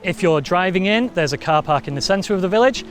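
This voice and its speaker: A man's voice: high voice, lively intonation, fairly quick. Upbeat man presenting a coastal walk. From Wales. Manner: upbeat, conversational. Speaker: walking presenter. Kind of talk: presenting a travel walk to camera. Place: outdoors on a coastal path. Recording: faint guitar music behind. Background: soft guitar music.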